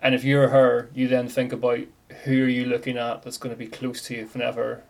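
Male podcast host, gravelly creaky voice, casual sports chat. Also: mid-range voice, monotone, fairly quick.

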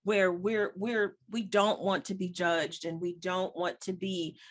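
A woman's voice: on the low side, level tone, a little slow. A woman in her late forties in casual chat, talking in an emphatic, encouraging way and laughing often. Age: 40s.

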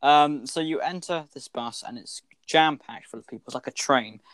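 A man's voice: on the high side, moderate pace, a bit bright, dry recording, low-quality recording. A young man narrating as game master in a tabletop game over voice chat, playful, humming sound effects.

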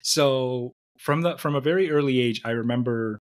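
A man's voice: medium pitch, normal speed. A middle-aged man born in the Dominican Republic and raised in New York City, a guest in an interview, talking thoughtfully with many restarts and repeated words. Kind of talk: conversational interview.

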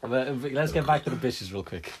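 Fast-talking young man, swearing. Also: medium pitch, animated, a little hiss or hum. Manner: swears a lot, laughs, quick chatter. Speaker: podcast co-host. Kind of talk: casual podcast chat.

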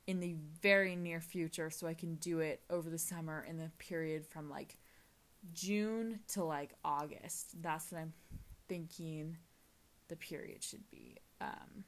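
Rambling teenage girl podcasting solo. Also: low voice. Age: teens. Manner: rambling with many fillers and restarts. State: tired, yawning. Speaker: podcast host. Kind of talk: casual solo podcast chat.

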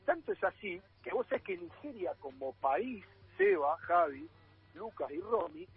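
Raspy, lively Argentine man on a phone line. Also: high voice, measured pace. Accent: Argentine Spanish. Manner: explanatory, with many fillers and restarts. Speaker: radio sports columnist. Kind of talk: radio panel talk.

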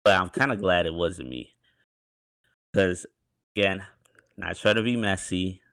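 A man's voice: sits low, unhurried, a bit bright, no room sound. A young man telling a story in a laid-back, colloquial way on a podcast. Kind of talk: casual storytelling.

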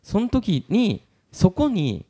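A man with a Kansai accent hosting a relaxed music-industry chat, talking at length with many fillers. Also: sits high, slow pace, husky. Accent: Kansai Japanese. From Japan. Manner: animated, recalls his past at length, many fillers. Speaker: musician and podcast host. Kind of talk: casual conversation.

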